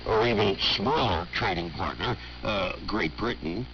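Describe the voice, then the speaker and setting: A man hosting a live call-in talk radio show in a smooth radio host manner, assertive and quick to argue back at callers. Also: fairly low pitch, slight background noise. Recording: dull lo-fi radio broadcast.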